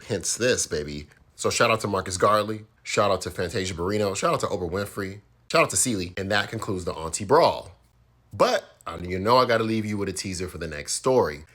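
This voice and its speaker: A man's voice: low voice, a bit bright. A man hosting a storytime video, telling a family story with animation, laughing along and acting out the quotes.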